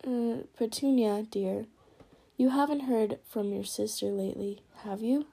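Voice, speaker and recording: A woman's voice: a little high, unhurried, creaky, warm tone, breathy edge, heavily acted. A woman doing a nervous fussy middle-aged man. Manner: hesitant, mumbling.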